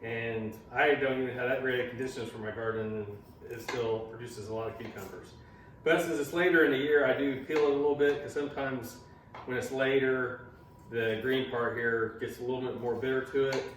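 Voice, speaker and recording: Chatty dad cooking in an echoey kitchen. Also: male voice, mid-range voice, fairly even intonation, a little fast. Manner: chatty, explanatory, teasing. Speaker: home cook and channel host, a father. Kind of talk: casual cooking demonstration. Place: home kitchen. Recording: echoey room, mic far off, faint noise.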